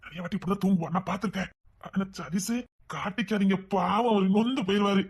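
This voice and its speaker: A woman voicing a gentle, gullible husband in a comedy skit, speaking with a Tirunelveli Tamil accent in a hesitant, worried way. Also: medium pitch, fairly even intonation, fast talker, husky, voice pushed down, natural voice. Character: gullible, soft-spoken husband, a grown man.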